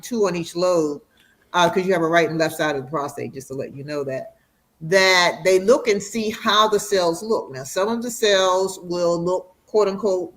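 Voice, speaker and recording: A doctor patiently explaining. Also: female voice, fairly low pitch. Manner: warm, explanatory, slows for emphasis. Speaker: radiation oncologist guest. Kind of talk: educational interview.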